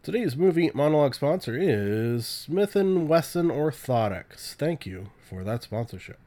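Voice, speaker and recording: A man's voice: fairly high pitch, very animated, moderate pace, mellow, slight background noise. A man with a cold hosting his own podcast, rambling and self-mocking through movie reviews with lots of filler. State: sick, voice deepened by illness. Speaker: podcast host. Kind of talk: casual solo podcast talk.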